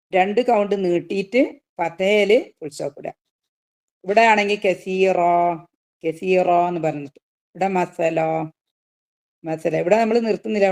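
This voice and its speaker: A woman teaching Tajweed rules of Quran recitation in a lesson, asking her students questions and answering them herself, now and then reciting words slowly. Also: lowish voice, dark tone. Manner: slowly drawn-out recitation of verse examples.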